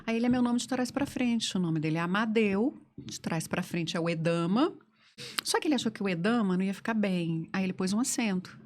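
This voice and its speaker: A woman hosts a podcast, telling stories in an animated, laughing way. Her voice sits at a middle pitch, and a faint hiss runs under it. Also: fairly quick. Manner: animated storyteller, laughs often. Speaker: podcast host. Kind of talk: casual conversation.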